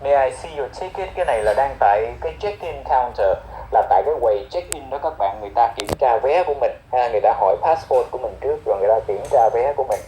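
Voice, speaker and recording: A man teaching English airport phrases, explaining each one and repeating key words slowly. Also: medium pitch, animated, dark tone, roomy sound, slight background noise, poor audio.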